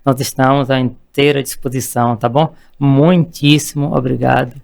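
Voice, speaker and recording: Gravelly man, formal podcast guest. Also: medium pitch, fairly even intonation, moderate pace, darkish tone. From Salvador, Bahia, Brazil. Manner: formal, elaborate phrasing. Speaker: lawyer, podcast guest expert. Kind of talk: casual podcast chat.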